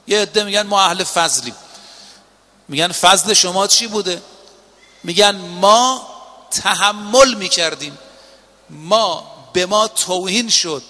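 A man preaching a sermon to a gathering, telling a story and acting out its lines, with drawn-out emphatic phrasing. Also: high-pitched, bright, forceful tone. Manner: impassioned, drawn-out emphatic phrasing with quoted dialogue. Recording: long reverb of a hall.

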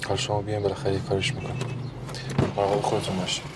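A man's voice: on the low side, completely flat delivery, very noisy, lightly acted. An actor playing a considerate, respectful working man in a screen drama, speaking in an understated way. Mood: caring. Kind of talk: naturalistic screen drama acting.

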